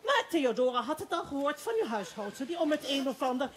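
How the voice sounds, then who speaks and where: A woman's voice: high voice, sing-song, fast talker, slight background noise. A woman playing a giggly gossiping townswoman. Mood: excited gossip. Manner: breathless, giggly, rambling storytelling. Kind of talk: amateur stage play.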